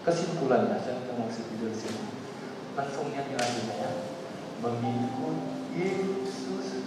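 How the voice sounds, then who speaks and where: A man pastor preaching a lively sermon, acting out the voices of the people he quotes. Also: medium pitch, a little fast, over loud music. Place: large church hall. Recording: echoey church hall, far from mic.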